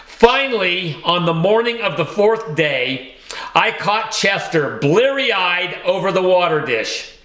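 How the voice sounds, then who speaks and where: A man reads a children's audiobook in the first person, taking his time. His voice is fairly high and bright, and his manner is wry. The recording has a roomy echo around it. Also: very animated, takes it slowly. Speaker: audiobook narrator.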